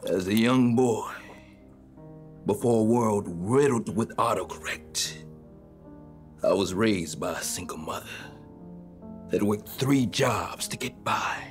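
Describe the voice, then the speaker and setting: An actor playing a menacing, theatrical crime kingpin in a short film, who swings between hushed whispers and sudden yelling. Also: male voice, lowish voice, takes it slowly, long pauses, soft background music. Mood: reminiscing.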